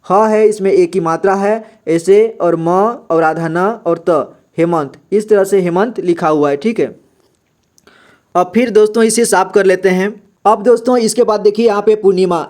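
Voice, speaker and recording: A young man teaching a reading lesson, spelling words out slowly syllable by syllable and often checking in with his listeners. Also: high voice, steady tone, darkish tone. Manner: repeats "ठीक है" and "दोस्तों" often. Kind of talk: slow step-by-step reading lesson.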